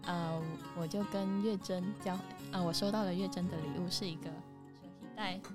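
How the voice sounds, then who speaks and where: Lowish-voiced woman from Vietnam chatting. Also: steady tone, moderate pace. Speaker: podcast panelist. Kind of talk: casual chat. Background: guitar music.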